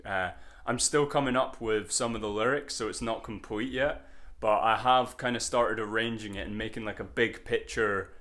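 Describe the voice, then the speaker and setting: A man's voice: on the low side, fairly bright tone. A man, a songwriter, talking casually in a vlog about his album, loose and rambling, often checking in with the viewer. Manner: loose and rambling, with filler words and tag questions. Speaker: songwriter sharing album progress.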